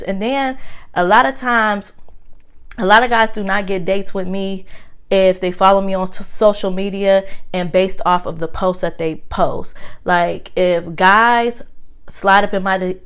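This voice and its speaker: A young woman vlogger speaks bluntly and emphatically, swearing freely as she talks straight to her viewers. Her voice is smooth and clear, sitting at an ordinary middle pitch for a woman. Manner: addresses viewers directly as y'all. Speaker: YouTuber. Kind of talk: casual Q&A vlog.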